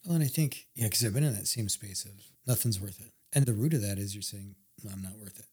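A man talks fast and loose on a podcast, his voice a little husky. He tells stories with energy and acts out the lines of the people in them. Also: lowish voice. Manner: animated storyteller, acts out quotes. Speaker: podcast guest. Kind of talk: casual storytelling conversation.

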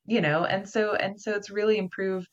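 A woman's voice: medium pitch, steady tone, normal speed. A woman co-hosting a dating podcast, talking earnestly in casual chat. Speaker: podcast co-host, dating coach. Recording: dull lo-fi audio.

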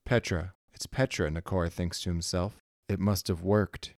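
A man narrating and explaining a solo tabletop role-playing game in a steady storytelling way. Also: sits low, moderate pace, no room sound, studio quality.

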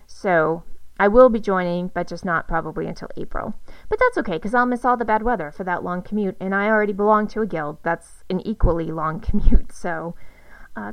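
A middle-aged woman hosting a podcast, chatting in an excitable way and sometimes rushing her words. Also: mid-range voice, clear, resonant tone, no room sound, rough recording. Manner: chatty, excitable, fast bursts. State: out of breath. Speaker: podcast host. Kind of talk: casual podcast chat.

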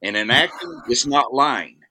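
An older man with the folksy manner of a Southern gentleman and a Southern American accent. He talks slowly in a bright, forward voice at a middle pitch, as a guest in a casual interview. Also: expressive, husky. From Alabama, United States. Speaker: podcast guest, actor.

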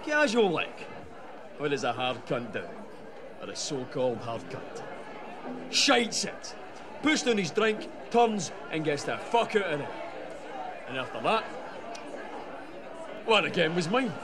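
An actor playing an aggressive, boastful, foul-mouthed Scottish hard man, telling a pub story in a film in a rough street accent with cocky menace. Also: a little high, sing-song, measured pace, pauses often. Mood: menacing swagger. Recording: clear crowd and location noise behind.

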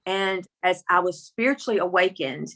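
A woman's voice: lowish voice, normal speed, fairly bright tone. A middle-aged woman from rural Mississippi with a Southern country accent, telling her personal story as a guest in a folksy, candid, emphatic way. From Mississippi, rural United States.

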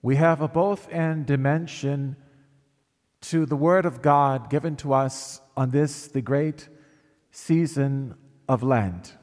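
A man, a priest at Mass, reading scripture and preaching in a solemn, measured, formal way in an echoing, cathedral-like church. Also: mid-range voice, darkish tone. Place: large church interior.

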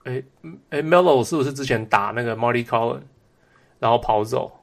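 A man's voice: mid-range voice, brisk. A man casually discussing sports as a co-host, mixing English words into his speech. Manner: code-switches between Mandarin and English.

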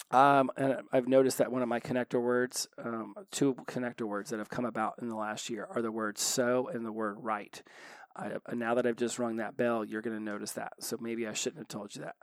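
A man hosting a solo podcast, talking fast and excitedly with many fillers, tired from being up past midnight. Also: mid-range voice, dry recording, clean studio sound. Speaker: podcast host. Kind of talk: solo podcast monologue on recovery. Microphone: studio microphone.

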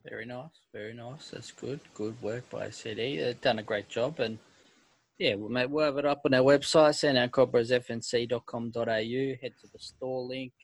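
A man's voice: medium pitch, steady tone, moderate pace, vocal fry. An Australian man hosting a casual club podcast, laid-back and calling people mate. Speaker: podcast host.

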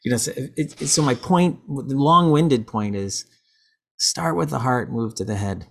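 A man's voice: medium pitch, a little slow, gravelly. A man hosting a podcast, telling stories in casual chat, rambling with many restarts. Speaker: podcast host.

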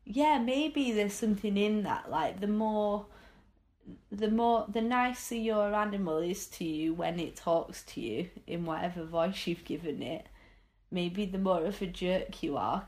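A woman's voice: on the low side, a little mellow. A young woman in casual podcast chat, rambling and amused, with plenty of fillers. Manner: chatty, rambling, self-amused, lots of fillers. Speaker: podcast co-host.

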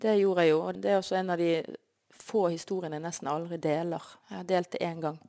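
Woman guest telling her faith story, earnest and heartfelt, with vocal fry. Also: lowish voice, flat delivery, dark tone. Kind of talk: personal faith testimony.

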